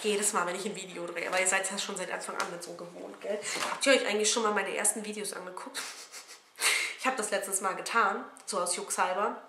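A woman's voice: medium pitch, fairly even intonation, fast talker, creaky. A woman beauty vlogger chatting casually at home about products she has used up, cheeky and jokey, swearing casually. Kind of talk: casual product review chat. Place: at home indoors. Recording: roomy echo, faint noise.

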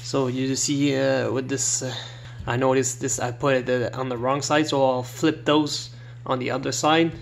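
A man whose first language is not English, casually walking through a kayak he holds the camera over, talking haltingly with many fillers and restarts. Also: mid-range voice, little pitch movement, gravelly. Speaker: kayak reviewer. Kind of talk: casual product walkthrough. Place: indoors beside a kayak, camera in hand.

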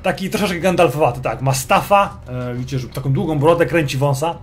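A man's voice: fairly high pitch, fast, faint music behind. Man narrating a tabletop game to players. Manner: describes scenes to players in second person, loose and hesitant. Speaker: game master. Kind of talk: casual narration of a tabletop role-playing game.

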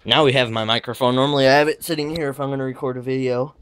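Rapid-fire at medium pitch, with a steady, fairly bright tone, a teenage boy lisps a little through his retainer while giving a rambling handheld tour of his bedroom gaming rig. He's offhand about it, wandering and correcting himself as he goes.

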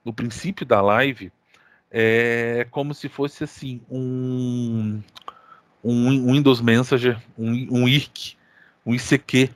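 A man with a Brazilian accent hosting a gaming podcast, telling stories in casual, animated chat full of slang and swearing. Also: medium pitch, takes it slowly, no room sound. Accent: Brazilian Portuguese. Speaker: podcast co-host.

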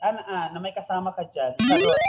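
A woman with a Filipino accent hosting a game live stream, chatting casually and teasing as she gives viewers shoutouts. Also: fairly low pitch, very animated, brisk, loud music behind the voice.

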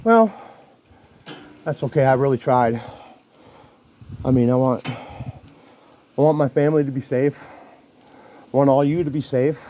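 Rough-talking man in his fifties on a bike. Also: mid-range voice, mellow. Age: 50s. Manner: rough-spoken, earnest, halting with many restarts. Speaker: vlogger. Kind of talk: rambling religious talk to camera. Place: outdoors, riding a bicycle in the rain. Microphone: phone held while riding. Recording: wind noise and rain hitting the phone mic.

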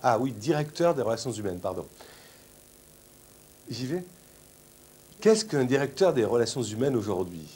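A man's voice: mid-range voice, very animated, normal speed, pauses often, darkish tone, husky, soft background music. Fumbling apologetic office man. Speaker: human resources director. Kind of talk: comic interview.

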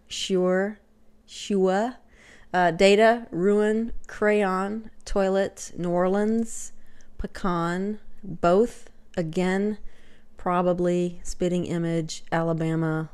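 A middle-aged Texan woman, a vlogger with a light Texas accent, talks casually into a desk webcam in a small room at home lined with shelves. Her voice is lowish and clean in tone. She is chatty and self-deprecating, using lots of fillers.

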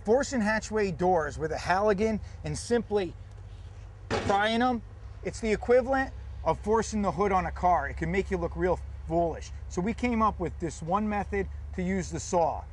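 A man's voice: high-pitched, animated, moderate pace, slight background noise. A man instructing firefighters, explaining a forcible entry technique step by step outdoors at a training prop. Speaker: fire service instructor. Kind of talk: instructional demonstration.

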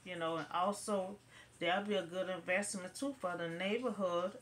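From indoors in her bedroom, a middle-aged woman casually chats to her webcam about local news, rambling and repeating "you know" as filler. Her low-leaning voice holds a fairly even intonation at a moderate pace, with a little hiss or hum in the recording.

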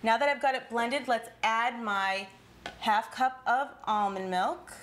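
In a home-style indoor studio kitchen, a woman in her thirties hosts a scripted TV cooking demonstration, walking through each step with upbeat rhetorical questions. Her voice sits on the high side and moves at a measured pace. There's noise in the background.

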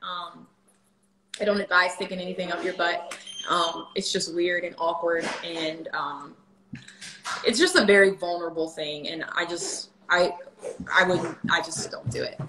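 A woman in her thirties, a vlogger, speaks in a lowish, unhurried voice as she casually answers viewer questions on a livestream, using lots of fillers. She is at home in her kitchen, recorded by a phone camera at the table. The sound is reverberant against a noisy background.

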